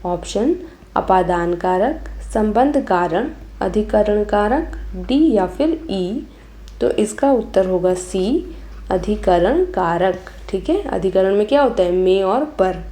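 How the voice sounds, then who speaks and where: Woman teacher, measured exam walkthrough, warm low timbre. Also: expressive. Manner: reads each option then gives the answer.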